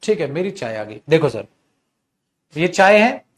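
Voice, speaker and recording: Guy with a high voice teaching english grammar online, chatty, calls students beta and bhaiya. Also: sing-song, a little slow. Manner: mixes Hindi with English examples. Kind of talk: online class lecture. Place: at home or in a studio, drinking tea while teaching.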